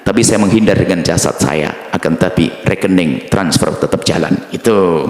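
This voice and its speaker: A man giving a sermon, talking in an animated, joking way and acting out remarks he quotes. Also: low-pitched, normal speed. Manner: animated, jokes with the audience, acts out quoted remarks. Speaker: preacher. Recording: echoey hall recording.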